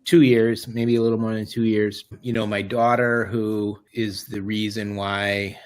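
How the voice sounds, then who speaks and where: A man's voice: fairly low pitch, level tone, measured pace. A man, a videographer, answering on a festival Q&A panel in a thoughtful, rambling way. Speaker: videographer and editor.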